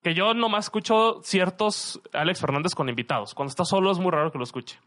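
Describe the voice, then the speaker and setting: A man's voice: sits high, fast talker, fairly bright tone. Inquisitive young Mexican man. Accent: Mexican Spanish. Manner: curious, asks questions, laughs easily. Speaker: podcast co-host. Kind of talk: casual chat.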